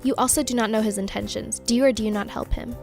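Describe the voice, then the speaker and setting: A woman reading out survey scenarios in a clear, measured way. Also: on the high side, steady tone. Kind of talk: scripted reading. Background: background music.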